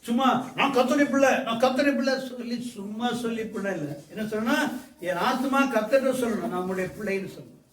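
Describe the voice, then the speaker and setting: High-voiced pastor preaching in an echoey hall. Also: male voice. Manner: asks the congregation questions and repeats phrases. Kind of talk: sermon. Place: church hall. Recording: echoey hall mic from a distance.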